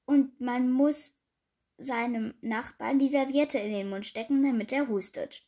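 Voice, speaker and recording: A woman's voice: fairly high pitch, measured pace, dark tone. A woman voicing a whispering little princess. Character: mischievous little twin princess.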